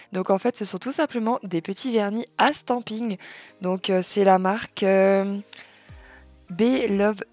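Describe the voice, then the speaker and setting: A woman's voice: medium pitch, a little mellow. A woman reviewing nail polish in a chatty, enthusiastic haul video. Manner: chatty, enthusiastic, repeats "très, très". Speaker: nail art vlogger.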